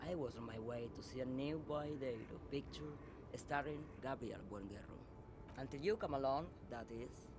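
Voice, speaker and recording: A man's voice: medium pitch, normal speed, noisy background, lightly acted. A man acting a bitter, nostalgic exile in a game. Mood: wistful, scornful. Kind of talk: video game dialogue acting.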